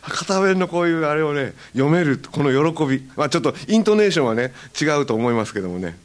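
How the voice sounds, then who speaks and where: A man's voice: on the high side, lively intonation, fast. A man hosting a radio show in a casual chat, reading listener letters with frequent chuckles and fillers. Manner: chuckling, filler-heavy, trailing off softly. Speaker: radio host.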